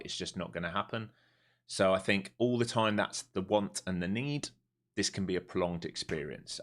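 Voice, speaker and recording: With a low-sitting, fairly bright voice, a man from Europe in his 40s gives live market commentary while trading on stream, chatting bluntly and casually.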